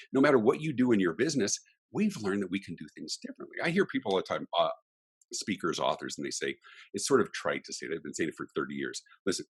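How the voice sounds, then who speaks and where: A man's voice: fairly low pitch, slightly rough. A middle-aged man, a guest speaker on a podcast, talking emphatically in a ranting, example-filled way. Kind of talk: animated interview talk.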